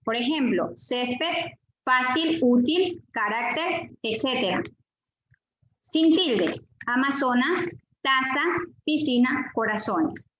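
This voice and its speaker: A woman's voice: sits high, expressive, slow, fairly bright tone, a little hiss or hum. A woman student reading out her part of a class presentation, listing rules and examples. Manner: reads out rules and examples in a list-like way. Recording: echoey dull recording.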